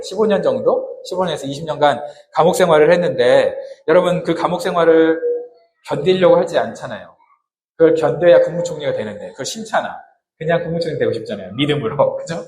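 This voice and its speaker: A man's voice: fairly high pitch, a little mellow. A male pastor preaching a sermon in a conversational way, often turning to the congregation with questions. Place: church hall. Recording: echoey hall, amateur recording.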